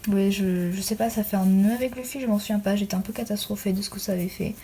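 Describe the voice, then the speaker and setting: A young woman speaks in a mid-range voice. She chats informally in a show-and-tell style, giggly and quick to mock her own work. The home recording carries faint noise and small clicks. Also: mid-range voice, fairly even intonation, warm tone. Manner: self-deprecating, giggly. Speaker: hobbyist crafter showing handmade doll accessories. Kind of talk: casual chatty show-and-tell.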